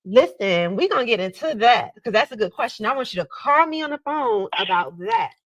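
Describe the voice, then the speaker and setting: A woman's voice: a little high, expressive, brisk, fairly bright tone, dry recording, rough recording. Chatty American woman hosting live, dry close sound. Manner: chatty, folksy, encouraging, addresses listeners directly. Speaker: tarot reader and live call-in show host. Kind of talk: casual live-stream chat with callers.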